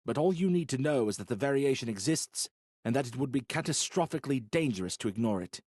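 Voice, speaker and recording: Narrator doing a steady, earnest leader guy explaining safety stuff, medium voice, dry close sound. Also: medium pitch, quick pace, no room sound, voice pushed up, close to an everyday voice.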